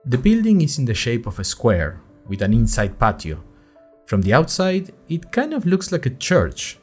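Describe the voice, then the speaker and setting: Soft music plays under a man's medium-pitched voice, which swings hugely in pitch at a normal speed. Narrating an audio fiction podcast, he voices a nervous, talkative college student recounting events in a wry, dramatic way, like a scripted diary entry told in first person.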